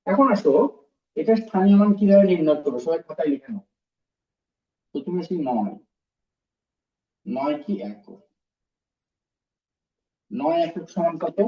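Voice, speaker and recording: A man's voice: on the high side, expressive, measured pace, pauses often. A man teaching a primary school math class, explaining step by step, repeating terms and quizzing his pupils. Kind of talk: recorded classroom math lesson. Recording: roomy, distant and dull-sounding.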